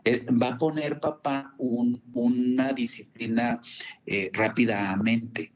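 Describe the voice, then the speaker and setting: A man's voice: mid-range voice, steady tone, slow. A man, working as a family counselor and speaking as a guest on a radio talk show. He tells stories in a chatty way, with many asides and tag questions.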